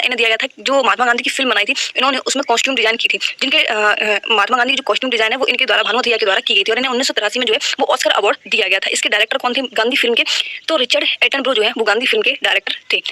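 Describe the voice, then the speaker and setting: A woman teaching exam-prep general knowledge races through her lesson, her voice bright and forceful. She keeps firing a question and answering it herself at once. Her pitch sits slightly high.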